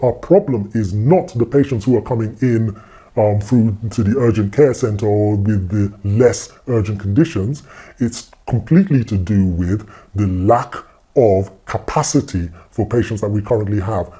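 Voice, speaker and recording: A man speaking with his voice disguised to sound deep, a hospital consultant giving a frank news interview. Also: normal speed, warm tone, slightly rough.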